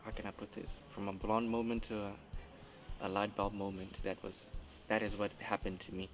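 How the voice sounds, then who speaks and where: A man's voice: fairly low pitch, little pitch movement, moderate pace, faint music behind. Hesitant young man. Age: 20s. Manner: searching for words, hesitant. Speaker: young musician. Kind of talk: interview answers.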